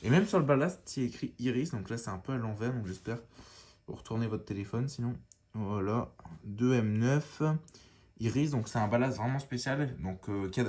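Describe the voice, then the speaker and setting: A man giving a casual show-and-tell of a lamp, talking in a relaxed, rambling way full of fillers and restarts. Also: medium pitch, normal speed. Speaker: lamp collector showing a fixture.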